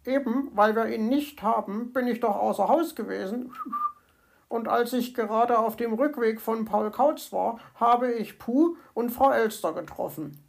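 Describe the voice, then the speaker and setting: A woman's voice: a little high, a little slow, vocal fry, noisy background. A woman voicing a greedy male fox with a stomach ache who talks in a sheepish, whiny way.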